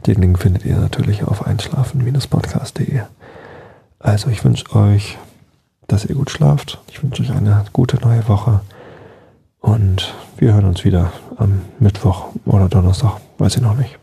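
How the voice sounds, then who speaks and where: Sleep-podcast host: man reading bedtime stories, dark gravelly voice, soft and slow. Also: lowish voice. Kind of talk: calm bedtime story reading.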